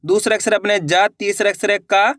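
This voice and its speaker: A man's voice: high voice, steady tone, fairly quick, a bit bright, no echo, clean studio sound. A man teaching Hindi reading online, sounding out each syllable before blending it into the word and checking that viewers follow. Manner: spells words out syllable by syllable, then blends them; coaxing, checks understanding with the viewers.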